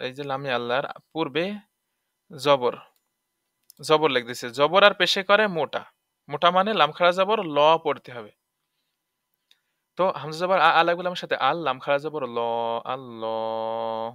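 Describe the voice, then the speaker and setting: A man's voice: fairly high pitch, moderate pace, long pauses, bright, forceful tone, smooth, no room sound, clean studio sound. A man teaching tajweed. He spells words out letter by letter, stretches the vowels when he recites, and keeps asking the listener questions.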